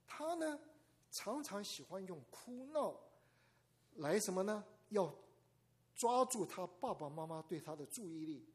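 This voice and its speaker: A man's voice: sits high, a little slow. An older man preaching a sermon to a congregation, telling stories with animation, asking the listeners questions and acting out little scenes. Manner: animated storytelling, asks the audience questions and acts out scenes.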